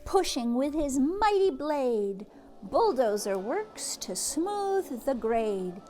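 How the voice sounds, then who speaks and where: A woman reading a children's picture book aloud, expressively, with drawn-out words and hushed asides, speaking directly to young listeners. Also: sits high, very animated, soft background music. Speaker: teacher or read-aloud host reading to children.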